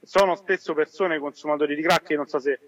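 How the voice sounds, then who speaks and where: Higher-voiced man on a speakerphone call. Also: steady tone, a little fast, highs cut off. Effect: heard over a speakerphone call. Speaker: community activist from a neighbourhood boxing gym. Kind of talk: remote talk to a public gathering.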